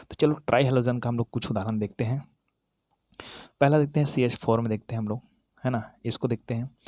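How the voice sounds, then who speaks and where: Male chemistry teacher, mid pitch, dry close recording, quizzes the viewer and self-corrects. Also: darkish tone, no room sound. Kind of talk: classroom-style lesson, explaining while writing.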